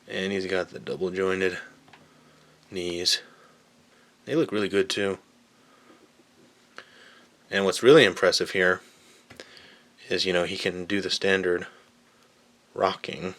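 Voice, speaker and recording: Low-voiced man chatting through a toy review. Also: slow pace, pauses often. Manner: relaxed, chatty, many fillers. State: slightly out of breath. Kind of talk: casual product review. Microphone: camera mic on tripod.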